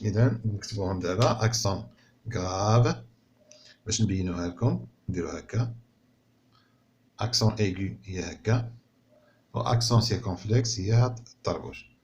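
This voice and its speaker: A man's voice: sits low, fairly quick, long pauses, darkish tone, a little hiss or hum. A man with a Moroccan accent teaching a French spelling lesson, explaining patiently and often checking that pupils follow. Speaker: primary school teacher.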